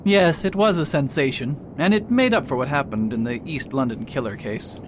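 In an amateur radio drama, a man plays a proud, faded detective, speaking pompously and hesitating with filler sounds. His voice is medium-pitched at a normal speed, and the acting is light. The recording is noisy with a steady hiss.

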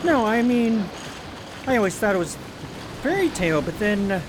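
Very high-voiced earnest young prince. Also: male voice, sing-song, normal speed, background noise. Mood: hesitant, puzzled. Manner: earnest, plain-spoken. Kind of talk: theatrical radio play acting.

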